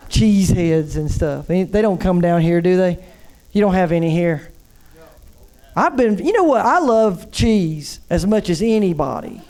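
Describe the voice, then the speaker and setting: A woman's voice: on the low side, warm tone. A woman from North Carolina with a Southern accent, doing a live stand-up set in a comedy club and teasing the crowd in a chatty drawl. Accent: Southern American.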